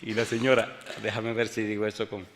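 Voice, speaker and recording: A male pastor preaching a sermon, firing rhetorical questions at the congregation and reading scripture slowly and drawn out. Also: lowish voice, completely flat delivery, slight background noise. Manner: rhetorical call-and-response questions. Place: church hall with a congregation. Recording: long hall reverb.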